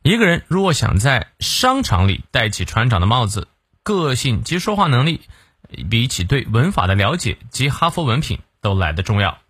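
A male English teacher explaining sentences bit by bit, with many fillers, reading the English lines slowly and carefully. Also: medium pitch, very animated, fairly bright tone, slightly rough, no echo, studio quality. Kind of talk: morning English reading lesson.

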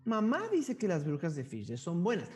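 A man voicing a scared, pleading girl of about twelve in a tabletop game, in a high, sobbing voice. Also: sing-song, normal speed, darkish tone, faint music behind.

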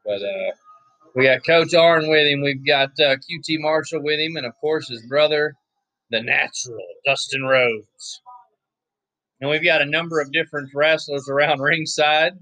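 A man with a drawl, his voice hoarse, calling a wrestling match in a relaxed, chatty way full of offhand asides. His voice sits a little high, and the recording is dry and close. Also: moderate pace, no echo, low-quality recording. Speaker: wrestling watch-along commentator. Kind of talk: casual play-by-play commentary.

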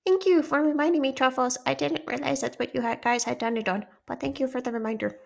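A woman putting on a cheerful little girl koala toy, high sweet childish chatter, slightly gravelly edge. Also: steady tone, quick pace.

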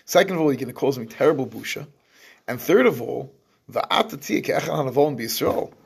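A man's voice: medium pitch, animated, a little fast, gravelly, slightly rough. A man teaching a scripture class, explaining verses at length and often restarting his phrases. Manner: explains in English with Hebrew terms, restarts often. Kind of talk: lecturing on scripture.

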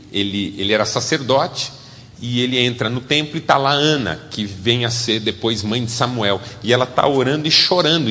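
A man with a Brazilian Portuguese accent preaching a sermon as a pastor, animated and swinging from loud to soft. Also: mid-range voice, long reverb tail.

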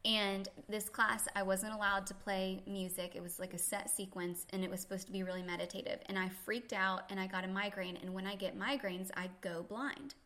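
A woman's voice: medium pitch, steady tone, a little fast, few pauses, bright, forceful tone. A woman yoga instructor, a podcast guest, telling earnest and reflective stories about faith and teaching, laughing easily. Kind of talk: faith-centered conversational storytelling.

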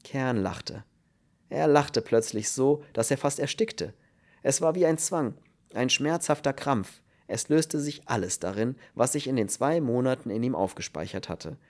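A man reading a novel aloud as an audiobook narrator, in a steady, even manner. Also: medium pitch. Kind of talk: scripted narration.

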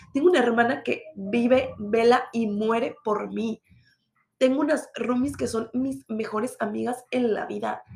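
Thirties woman, Mexican accent, high-ish voice full of vocal fry, blunt profane confessional vlogger. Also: darkish tone. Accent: Mexican Spanish. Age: 30s. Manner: blunt and profane, mocks her own past self. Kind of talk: casual confessional monologue.

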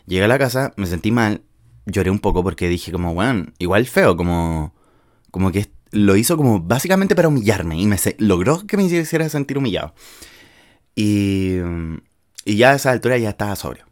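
Young man, Chilean accent, low-pitched, casual slangy storytelling vlog. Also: animated, a little fast. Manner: informal and slangy, with frequent filler words. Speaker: vlogger.

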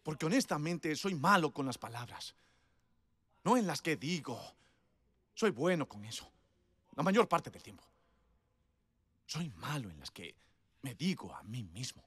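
Bright-voiced preacher telling stories. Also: male voice, a little high, very animated, a little slow, pauses often, slightly rough, no room sound. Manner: conversational storytelling, emphatic, laughs often. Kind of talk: sermon.

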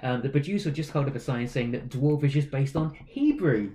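A man's voice: mid-range voice, a little fast, mellow, reverberant. A man co-hosting a casual podcast chat, dropping dry jokes and asides. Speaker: podcast co-host.

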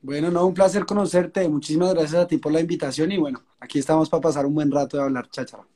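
A young Colombian man with a Colombian Spanish accent, a singer-songwriter chatting in an interview and telling relaxed stories. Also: fairly high pitch, fast talker. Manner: relaxed, storytelling, uses fillers like pues. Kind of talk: casual interview chat.

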